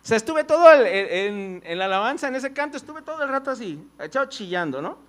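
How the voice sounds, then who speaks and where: A man's voice: very high-pitched, very animated, fast talker. A man preaching a conversational sermon in church. He tells personal stories, full of fillers and "right?" tags.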